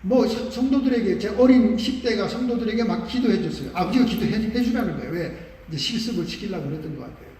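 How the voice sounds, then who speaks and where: High-voiced pastor preaching in an echoey hall. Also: male voice, quick pace, few pauses. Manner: storytelling, animated and emphatic. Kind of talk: sermon. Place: large church sanctuary. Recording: echoey church hall from far off.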